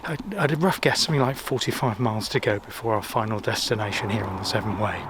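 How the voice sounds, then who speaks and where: A man's voice: lowish voice, quick pace. A man from Gloucestershire with a local accent, chatting casually as he walks by a river and road, rambling with small restarts. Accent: Gloucestershire English. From Gloucestershire, England. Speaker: walking vlogger. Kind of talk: casual walking commentary. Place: outdoors by a river and busy road. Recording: faint outdoor road noise. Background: faint road and weir noise.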